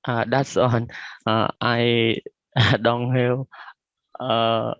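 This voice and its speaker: Very slow, halting man, muffled audio. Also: medium pitch, flat delivery, a bit bright, dry recording. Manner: very halting, searching for words. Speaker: discussion participant. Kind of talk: unscripted spoken answer.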